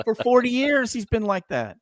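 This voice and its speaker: A man co-hosting a casual podcast, telling stories in an animated, profane way and laughing often. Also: extremely high pitch, normal speed, dry recording, studio quality. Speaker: podcast co-host. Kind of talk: casual banter.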